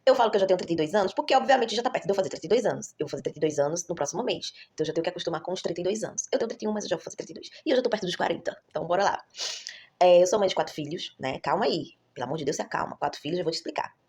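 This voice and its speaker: This 30-something mom and vlogger chats to her audience very fast, with lively intonation, wandering through her story and frequently correcting herself. Her voice sits on the low side with a darkish tone.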